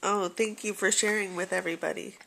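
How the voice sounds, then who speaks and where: A woman's voice: medium pitch, fairly even intonation, a little fast, creaky, fairly bright tone. A woman, a mother, playfully talking baby talk to her infant at home. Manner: playful, teasing, sing-song.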